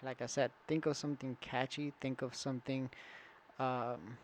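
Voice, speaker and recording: A man's voice: mid-range voice, level tone, moderate pace, slight background noise, poor audio. A man walking through an online store setup in a casual screen-recorded tutorial, thinking aloud with fillers and restarts. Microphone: computer setup with screen recorder and camera.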